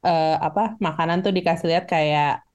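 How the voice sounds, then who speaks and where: A woman's voice: sits low, fairly even intonation, moderate pace, a little mellow. A woman chatting about a film, rambling and searching for words, mixing in English. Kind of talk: casual film discussion.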